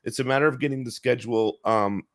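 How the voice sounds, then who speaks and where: A man's voice: mid-range voice, fast, fairly bright tone, dry recording, clean studio sound. A man hosting a casual podcast, loose and joking, casually swearing and trailing off mid-sentence. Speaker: podcast host.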